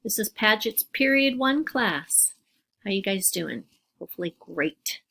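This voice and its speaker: An upbeat woman teacher talks young children through a recorded phonics lesson. She speaks clearly and carefully, sounding out words for the class. Her pitch sits in an ordinary middle range. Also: animated, measured pace, sharp tone.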